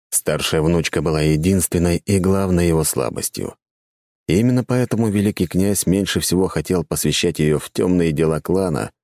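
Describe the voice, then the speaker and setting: A man calmly narrating a fantasy audiobook. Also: rumbling low, dry recording, clean studio sound. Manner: calm, even storytelling.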